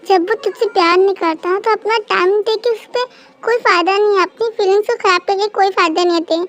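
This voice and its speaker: Loyal, bossy best-friend girl, blunt and protective, very high voice, played by a high-voiced reader; fan-dub. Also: fast talker, fairly bright tone. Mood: comforting. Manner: scolding then comforting. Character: fiercely loyal young female best friend. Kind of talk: fan-dub audio drama.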